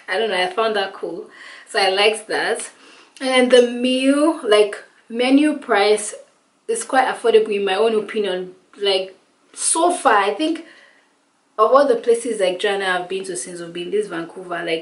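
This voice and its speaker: A woman's voice: mid-range voice, echoey room. A young woman vlogging casually at home, rambling and chatty with lots of "like". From Nigeria. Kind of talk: casual vlog talk to camera. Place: at home, indoors.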